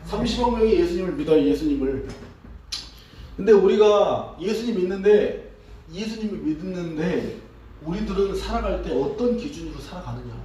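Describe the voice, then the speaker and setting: A man preaching as a pastor, asking his congregation questions in a relaxed, conversational sermon. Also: sits high, moderate pace. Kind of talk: interactive sermon. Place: church sanctuary. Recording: echoey hall, distant mic.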